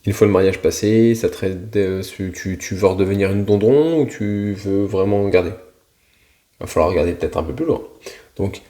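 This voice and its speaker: A man's voice: deep voice, moderate pace, dark tone. A man coaching in a casual, slangy, blunt manner, talking straight to the listener. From France. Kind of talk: casual motivational talk.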